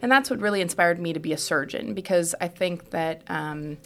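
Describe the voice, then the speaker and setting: A middle-aged trauma surgeon from Houston, in the United States, tells her own story as a podcast guest. Her voice is on the low side and a little fast, and she speaks in a reflective, explanatory, conversational way during the interview.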